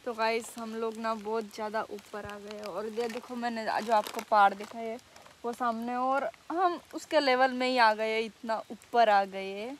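A woman's voice: on the high side, steady tone, a little slow, slight background noise. Chatty young woman filming a travel vlog. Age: young adult. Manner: chatty, addresses viewers directly. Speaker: travel vlogger. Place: outdoors on a rainy hillside trail. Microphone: phone camera at arm's length.

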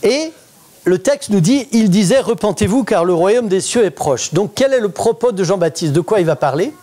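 A middle-aged man with a fairly high voice preaches a sermon in church. He keeps it conversational and lively and often stops to question the congregation. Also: moderate pace. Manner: interactive, asks the congregation questions. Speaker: pastor.

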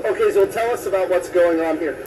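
Middle-aged guy hosting a ship laundry tour, bit high voice, kinda off mic. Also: brisk, recorded from a distance, noisy background. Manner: upbeat, frequent "yeah" affirmations. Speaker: cruise line presenter. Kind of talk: guided tour interview. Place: ship laundry room below deck. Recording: from off-mic, music under.

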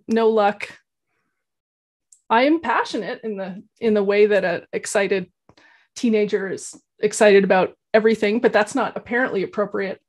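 A woman speaking informally and personally as a panelist on a video call. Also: fairly high pitch. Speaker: panelist, university instructor.

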